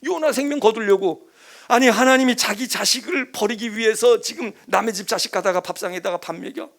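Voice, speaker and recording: A man who is a senior pastor preaching a sermon in a church, animated, conversational and emphatic. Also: high-pitched, brisk, creaky.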